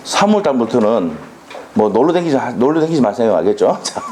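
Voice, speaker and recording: A man teaching a law exam prep class in a classroom, animated and drilling students with quick questions. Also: medium pitch, background noise. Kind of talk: classroom lecture. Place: lecture classroom.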